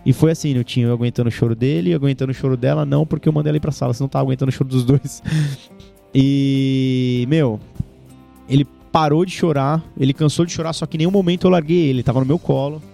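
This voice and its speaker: A Brazilian man talking casually as a podcast guest, telling animated, slangy stories. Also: mid-range voice, fast talker, gravelly, faint music behind. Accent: Brazilian Portuguese. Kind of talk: casual chat.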